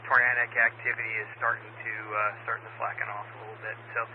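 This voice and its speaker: A man's voice: mid-range voice, flat delivery, quick pace. An American man working as an amateur radio net controller, reading out weather bulletins and call signs in a procedural way over a two-way radio. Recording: phone-like radio audio with static noise.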